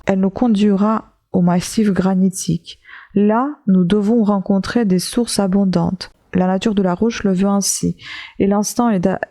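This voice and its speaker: A woman's voice: medium pitch, warm tone, close to an everyday voice. A woman reading the lines of a stubborn, obsessive old male professor in a commanding, insistent way.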